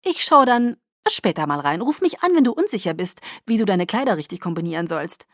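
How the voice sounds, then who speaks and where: A woman's voice: medium pitch, sing-song, fairly quick, no room sound, clean studio sound. A woman voicing a bubbly, eager young woman with a chirpy, sing-song manner in a storybook reading. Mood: cheerful.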